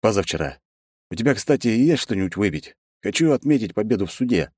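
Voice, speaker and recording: A man voicing a gruff, tipsy male lawyer who is quick to anger, grumbling in an audiobook. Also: fairly low pitch, big pitch swings, darkish tone, dry recording, clean studio sound, voice pushed up.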